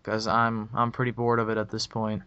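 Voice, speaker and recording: A man's voice: fairly low pitch, monotone, fairly quick, sharp tone, smooth, no room sound. Young male podcast host, rambling casual delivery, muffled dry headset sound. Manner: rambling, many ums and restarts.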